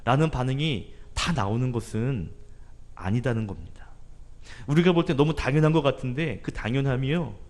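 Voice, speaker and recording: A man's voice: mid-range voice, lively intonation, normal speed, a little mellow. A male pastor preaching at a Friday prayer meeting, talking conversationally and asking the congregation to agree.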